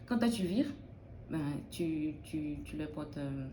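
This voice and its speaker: Her low-pitched, dark voice is animated yet slow as this young woman from Benin, a student of early childhood education, answers interview questions. She hesitates and restarts a lot while thinking things through, heard in an echoey room with a little hiss or hum.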